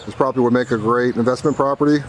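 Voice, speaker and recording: A man gives a relaxed guided tour of a house being renovated, acting as the agent presenting it. His mid-range voice runs very fast with fairly even intonation, and the empty rooms make the recording echoey, with clear background noise.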